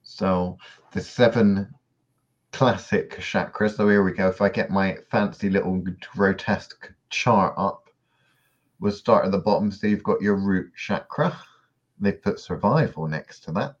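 A man co-hosting a podcast in casual discussion, dry and sardonic, often trailing off quietly at the ends of sentences. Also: deep voice, unhurried, dull audio. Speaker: podcast co-host.

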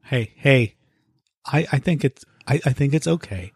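A man improvising a playful female friend who keeps guessing and then gently reassures her. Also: mid-range voice, lively intonation, unhurried, breathy edge, no room sound, clean studio sound. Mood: reassuring. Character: teasing, supportive female friend.

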